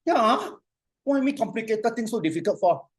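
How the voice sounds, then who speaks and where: A man lecturing a class on coaching in an animated, repetitive way. He keeps checking in with the students and slows right down when he dictates a phrase. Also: high-pitched, breathy edge. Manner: animated, repetitive, asks "you see?" often.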